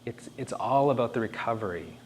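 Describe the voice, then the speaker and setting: A man's voice: mid-range voice, lively intonation, fairly quick. A man giving an informal presentation, conversational and emphatic as he thinks aloud. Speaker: speaker presenting disaster planning. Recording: faint background noise.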